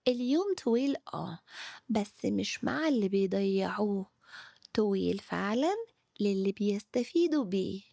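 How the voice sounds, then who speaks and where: A woman with an Egyptian Arabic accent voicing Time itself as a calm, wise figure that gently scolds a child. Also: mid-range voice, moderate pace, vocal fry, no echo, studio quality, voice pushed down.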